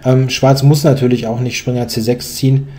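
A man's voice: mid-range voice, level tone, moderate pace, warm tone. A young man commentating a chess game, explaining moves thoughtfully with many hesitant fillers.

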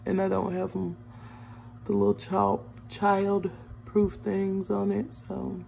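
A woman chats in a casual makeup vlog, humming as she applies her makeup and calling her viewers y'all. Her mid-range voice is monotone, gravelly and a little mellow, she takes her time, and a slight hiss or hum can be heard.

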